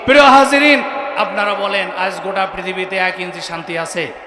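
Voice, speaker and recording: A man's voice: high voice, steady tone, fairly quick, pushed and bright. A man from Satkhira, Bangladesh, preaching a fiery open-air sermon in a rousing, chant-like way and calling out to the crowd. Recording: echoey PA with long reverb.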